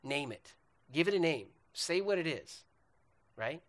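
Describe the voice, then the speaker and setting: Guy with a slightly high voice preaching casual-style, earnest, keeps asking "right?" and ticking through feelings one by one. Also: very animated, a little slow. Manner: earnest, talks straight to listeners, often asks "right?"; lists questions and feelings one by one. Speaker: speaker on relationships. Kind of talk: conversational sermon.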